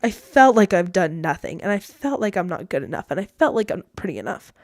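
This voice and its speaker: A woman's voice: on the low side, very animated, fast talker, darkish tone, dry recording. A teenage girl hosting her own podcast, rambling in a casual, self-deprecating way, with a lot of "like" in her speech. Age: teens. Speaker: podcast host. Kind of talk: casual solo podcast monologue.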